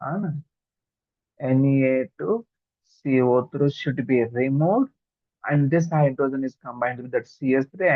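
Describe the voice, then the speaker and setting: A man's voice: medium pitch, no echo, narrow, tinny audio. A man with a Telugu Indian accent, a native Telugu speaker, teaching chemistry exam questions informally in two mixed languages and often checking in with students.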